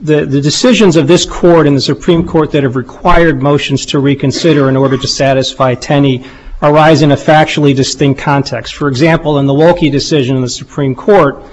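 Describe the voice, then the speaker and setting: A man making a formal legal argument in a courtroom, speaking deliberately and deferentially as an appellate lawyer. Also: a little high. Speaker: lawyer arguing an appeal. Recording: dull, muffled courtroom recording.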